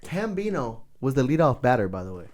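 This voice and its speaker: A man's voice: mid-range voice, big pitch swings, a little fast, darkish tone. A man co-hosting a podcast, chatting bluntly about a movie and swearing. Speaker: podcast co-host. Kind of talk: casual movie chat.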